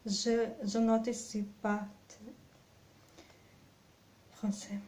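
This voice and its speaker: A woman with a non-native French accent gives a devotional scripture reading and reflection, speaking slowly with careful pauses. Her voice sits a little high and has a mellow, warm tone. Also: flat delivery, roomy sound, slight background noise. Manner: slow, careful phrasing with pauses. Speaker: Bible teacher.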